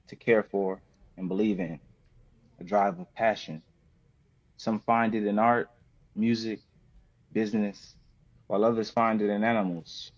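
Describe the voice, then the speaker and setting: A thirty-year-old American poet from the West Coast appears as a podcast guest, reading poetry and chatting casually. His voice is fairly low and a little mellow, captured in dull, lo-fi, roomy sound.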